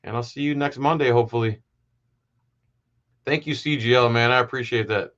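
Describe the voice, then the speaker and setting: A man's voice: mid-range voice, fairly quick, fairly bright tone, lo-fi sound. A man hosting a live stream, giving heated, sarcastic commentary in a casual way.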